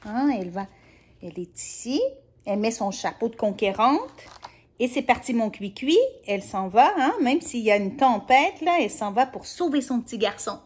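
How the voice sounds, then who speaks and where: A woman reading a picture book aloud to a child, gentle and playful, dropping into soft whispered asides. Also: a little high, expressive, normal speed. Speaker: children's storyteller.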